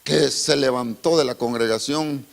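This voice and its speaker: A male pastor preaching a sermon in church, telling a story with strong emotion and swinging between hushed and raised delivery. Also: medium pitch, unhurried, creaky.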